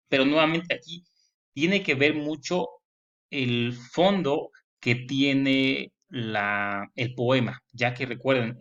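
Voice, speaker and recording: A man's voice: medium pitch, a bit bright. A male teacher giving a recorded lecture, explaining step by step with frequent fillers and restarts. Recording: dull lo-fi recording.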